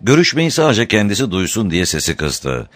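A man narrating an audiobook dramatically, lifting his voice for shouted lines. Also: lowish voice, big pitch swings, moderate pace, no echo. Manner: dramatic, raises voice for shouted quotes.

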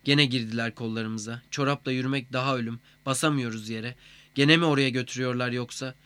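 Man, literary first-person reading, measured, mid pitch, dry close sound. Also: steady tone, a bit bright, clean tone, no echo.

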